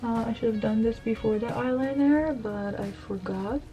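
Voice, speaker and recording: Her voice sits on the high side and sounds mellow at normal speed, though the recording is rough. She's an Iranian beauty blogger in her thirties, filmed by a desk camera in her bedroom as she applies makeup and answers questions in a loose, filler-heavy get-ready-with-me chat.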